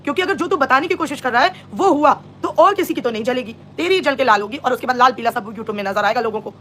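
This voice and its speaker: Woman livestreaming gossip, high voice, sarcastic and scolding, mocks someone straight to their face. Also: quick pace, pushed and bright. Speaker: live-stream vlogger. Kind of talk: live-stream gossip commentary.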